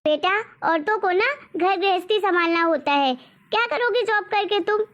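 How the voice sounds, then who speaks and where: A woman's voice: very high voice, normal speed, a bit bright, highs cut off. A woman voicing a strict, nagging middle-aged mother in a cartoon story, lecturing and scolding.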